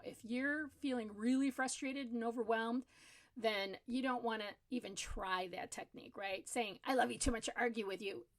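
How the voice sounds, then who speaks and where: A middle-aged woman giving parenting tips as the host of her own advice channel, talking casually to the camera in an earnest, explanatory way and repeating words for emphasis. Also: on the high side.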